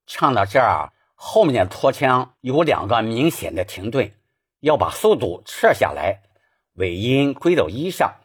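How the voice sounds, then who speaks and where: A man teaching Peking opera singing, taking each point of technique in turn. His voice is a little husky, and his pitch moves a lot as he speaks. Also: sing-song, a little slow. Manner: patient, explains technique step by step. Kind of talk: spoken singing lesson.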